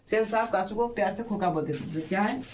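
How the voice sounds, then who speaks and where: A man's voice: sits high, fast talker, a little hiss or hum. A man with a Bihari Hindi accent teaching an exam-prep lesson. He keeps asking short questions and repeating the answers for his students. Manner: repeats answers, quizzes listeners.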